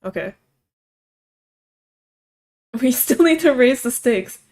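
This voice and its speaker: A woman with a high voice casually narrates a visual novel at a slow pace, voicing its characters aloud. She reacts playfully and excitedly.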